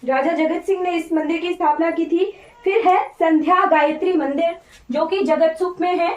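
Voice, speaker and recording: Her voice is very high, fairly even in intonation and at a normal speed, though the recording is muffled, roomy and picked up from a distant mic. An Indian woman, she teaches an informal online class, mixing in English terms, going over points repeatedly and frequently checking in with "right?" in an instructive way. Today her voice is slightly off.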